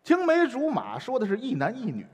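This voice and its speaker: A man's voice: extremely high pitch, huge pitch swings, a little fast, slightly rough. A man in his thirties with a Beijing accent, playing straight man in stage crosstalk with short interjections and dry retorts. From Beijing, China. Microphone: stand microphone on a stage. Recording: live stage sound with background noise.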